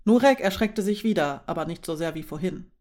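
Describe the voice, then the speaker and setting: Brief: calm female audiobook narrator, lowish voice, steady storytelling. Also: fairly quick. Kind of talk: scripted narration.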